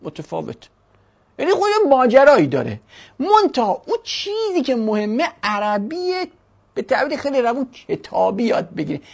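Brief: gravelly-voiced language teacher at mid pitch, lecturing casually and tossing out rhetorical questions. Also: huge pitch swings. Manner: chatty, rhetorical questions, jokes. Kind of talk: classroom lecture.

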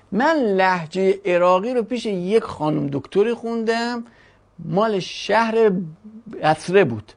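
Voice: medium pitch, vocal fry, darkish tone. A language teacher giving a chatty classroom lecture, asking rhetorical questions and joking with the students.

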